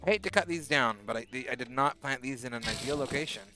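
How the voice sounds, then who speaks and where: A man in his twenties who is a bit sick and on bed rest plays a game on a live stream, chatting casually with his chat. He rambles and answers messages, speaking fast at a medium pitch.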